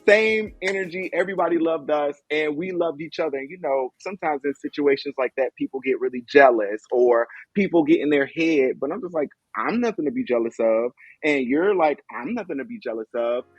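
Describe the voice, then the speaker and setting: Casting: male podcast host, slightly high, husky voice, effusive storyteller, dull lo-fi sound with faint music. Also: brisk, hardly any pauses, no room sound. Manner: gushing, animated storyteller. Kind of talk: casual chat.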